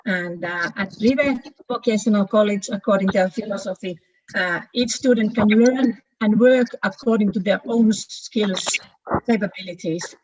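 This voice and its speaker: A woman's voice: mid-range voice, normal speed, darkish tone, husky, dull audio. A woman from Finland, giving an earnest, personal presentation as a project manager in an online meeting.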